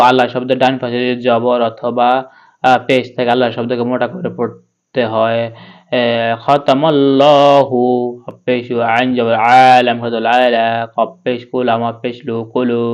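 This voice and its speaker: Man teaching Quran reading, spelling slowly. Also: mid-range voice, completely flat delivery, clear, resonant tone, lo-fi sound. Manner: spells letter by letter, then chants verses slowly.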